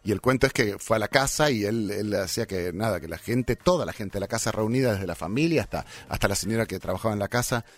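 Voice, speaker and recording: A man's voice: lowish voice, lively intonation, fast talker, hardly any pauses. A man in his forties with an Argentine accent, a guest on a radio show, chatting casually in a rambling, self-deprecating way with many restarts. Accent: Argentine Spanish. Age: 40s. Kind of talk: casual chat. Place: radio studio.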